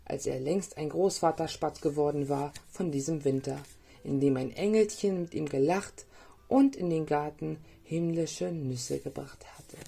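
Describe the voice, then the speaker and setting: A woman reading a children's story aloud, gentle and expressive, then asking the young listeners questions. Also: low voice, vocal fry, breathy edge.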